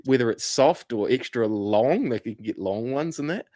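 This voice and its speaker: A man's voice: medium pitch, expressive, moderate pace, warm tone, dry recording. Laid-back New man, dry sound. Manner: laid-back, swears casually, laughs often. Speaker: podcast co-host. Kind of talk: casual chat.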